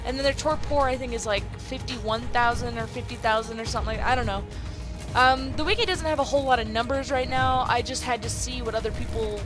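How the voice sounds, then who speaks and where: Chatty woman rambling over gameplay. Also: a little high. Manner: rambling, chatty, many fillers and self-corrections; swears casually. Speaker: gaming video host. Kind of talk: casual gameplay commentary.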